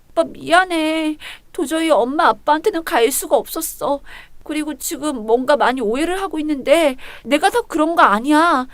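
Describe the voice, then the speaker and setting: A woman's voice: high-pitched, no echo, close to an everyday voice. A woman voicing a scheming young woman who whines, sobs and begs. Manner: whiny, sobbing, pleading.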